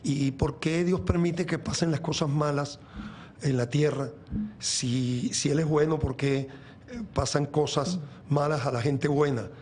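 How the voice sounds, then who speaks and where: As an interview guest, a man from Venezuela in his sixties reflects earnestly on faith, wandering and restarting often. He sounds a little high and a little mellow, with fairly even intonation and an unhurried pace over slight background noise.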